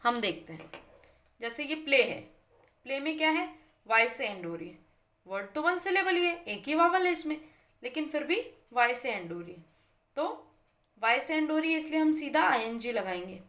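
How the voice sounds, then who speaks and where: A woman's voice: sits high, lively intonation, moderate pace, pauses often, fairly bright tone. A woman teaching English spelling rules in Hindi, stressing example words and asking and answering her own questions.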